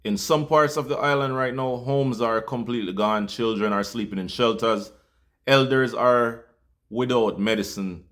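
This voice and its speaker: A man's voice: medium pitch, normal speed, a bit bright. A Jamaican man hosting his channel, making a heartfelt appeal to viewers in a loose, filler-laden way. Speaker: channel host.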